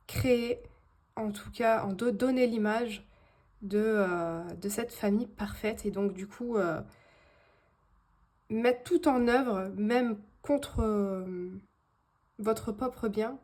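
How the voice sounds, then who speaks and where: A woman's voice: mid-range voice, a little mellow. A woman giving a casual tarot reading to her viewers, hesitant, with many fillers and restarts. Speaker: tarot card reader.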